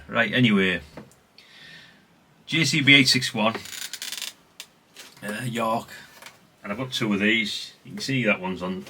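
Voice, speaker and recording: Heavy background noise surrounds a middle-aged British man's fairly low voice as he hosts a hobbyist video. Chatty and casual, he rambles through show-and-tell, frequently correcting himself and adding tag questions.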